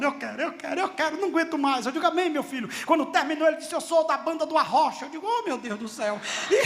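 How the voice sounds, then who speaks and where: A middle-aged man with a Brazilian Portuguese accent preaching a sermon as a pastor, telling stories with dialogue and rising to shouts. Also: very high-pitched. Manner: animated, shouting at peaks, storytelling with dialogue.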